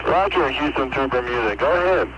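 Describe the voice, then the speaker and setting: A man calls down from orbit in short, by-the-book radio phrases. His voice comes through a crackly, breaking-up space radio link buried in loud static. The sound is dull and lo-fi, like an old archival transmission. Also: mid-range voice, lively intonation, brisk. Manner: clipped procedural radio talk. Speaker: astronaut. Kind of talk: mission radio exchange.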